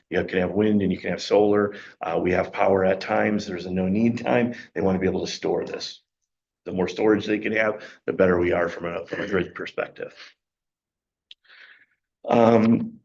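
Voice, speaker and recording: Man, low gravelly voice, hoarse and fading, halting with ums, county meeting report, muffled lo-fi audio. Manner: halting, many ums and uhs. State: losing his voice. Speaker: county planning official presenting a report. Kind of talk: public meeting presentation.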